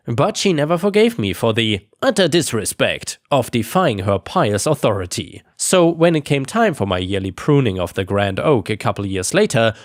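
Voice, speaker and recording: Brief: male storytime narrator, scornful and dramatic, lively pitch swings, dry close sound. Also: no echo. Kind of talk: first-person storytime narration.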